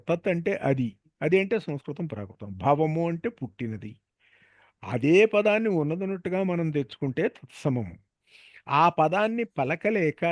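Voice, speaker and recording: A man's voice: on the high side, darkish tone, no room sound. A man with a Telugu accent teaches a grammar lesson in a somewhat raised voice. He explains patiently and keeps posing questions that he answers himself. The recording is dry and close, with no room sound. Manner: patient, asks and answers his own questions.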